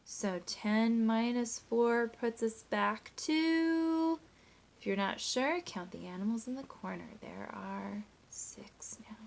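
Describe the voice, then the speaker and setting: Speaking slowly with vocal fry, a woman with a rather high, expressive voice reads a picture book aloud to young listeners. She also works through easy sums with them in small steps, nudging them along with questions.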